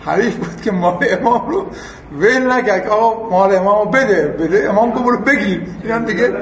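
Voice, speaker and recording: A man giving a casual religious lesson. He reads Arabic text slowly, then explains it in everyday speech and acts out the people he quotes. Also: high voice, a little hiss or hum. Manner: acts out the quoted speakers in lively asides. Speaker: religious teacher. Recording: roomy, distant and dull.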